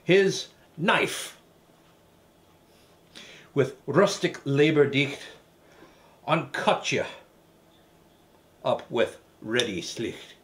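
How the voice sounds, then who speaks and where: A man voicing a theatrical poem reciter in a put-on Scottish accent, declaiming loudly with rolling emphasis. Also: mid-range voice, animated, drawn-out words, pauses often.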